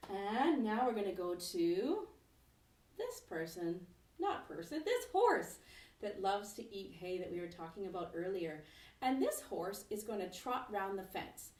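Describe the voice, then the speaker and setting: A woman music teacher leading a children's lesson at home, speaking gently and encouragingly and singing slow, simple verses. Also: medium pitch, lively intonation. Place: home, kitchen nearby. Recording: roomy echo from a distance.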